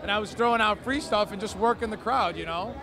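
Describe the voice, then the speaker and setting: A man's voice: sits high, quick pace. A man chatting casually and enthusiastically in an interview as a wrestling ring announcer. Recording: outdoor urban crowd and traffic noise.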